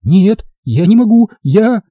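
A man voicing a frightened, defensive widow who pleads in a shrill, panicky way in an audiobook. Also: very animated, slow, husky, no room sound, narrow, tinny audio, full character voice. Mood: frantic.

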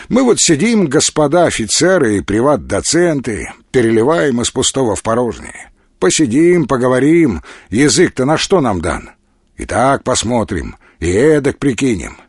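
Dude voicing a drunk sarcastic young gent, drawly and mocking. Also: male voice, medium pitch, slightly rough, dry recording, studio quality.

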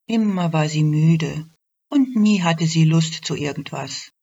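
A woman telling a fairy tale for radio in a calm, measured way. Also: low voice, slightly rough. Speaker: storyteller. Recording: dull lo-fi radio recording.

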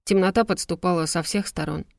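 A woman narrating an audiobook story with steady storytelling. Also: on the low side, brisk, vocal fry, no room sound, clean studio sound. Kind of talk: scripted narration.

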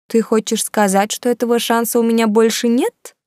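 A woman's voice: fairly high pitch, little pitch movement, normal speed, darkish tone, no echo, studio quality, pitched above the performer's own voice, natural voice. A woman reading the part of a pert, ambitious young noblewoman with a raised, questioning voice.

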